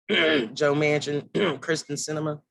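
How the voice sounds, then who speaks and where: A man's voice: a little high, takes it slowly, creaky, no room sound. Fired-up man, dry close sound. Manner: heated, swears, acts out quotes in lively asides. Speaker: political commentator. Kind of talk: impassioned political monologue.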